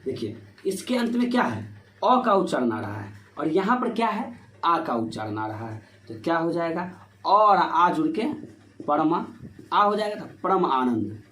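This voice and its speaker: This board-exam Hindi grammar lesson comes from a man whose fairly high, slightly bright voice is very animated at a normal speed. Walking through each step, he keeps asking himself questions and drops in "ठीक है" as filler. Faint noise sits under the echo of the room.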